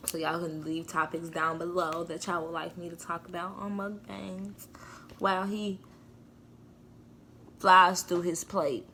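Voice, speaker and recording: A woman's voice: on the low side, level tone, unhurried, bright, forceful tone, slight background noise. A young woman hosting a casual mukbang at home, chatting directly to her viewers.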